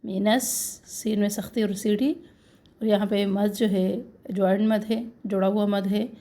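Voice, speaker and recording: A woman with a Pakistani Urdu accent teaching Quran recitation, who patiently demonstrates words slowly and then corrects and explains them. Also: medium pitch, fairly even intonation, dark tone. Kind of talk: Quran recitation lesson, slow drawn-out recitation with quick explanations.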